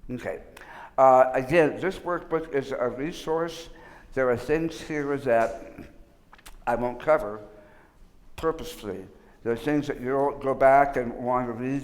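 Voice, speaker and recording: Man with unusual articulation in a reverberant hall. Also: mid-range voice. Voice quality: slightly unusual articulation after tongue surgery. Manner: informal, restarts often, dry self-mocking humor. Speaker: workshop presenter. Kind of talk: conversational workshop lecture.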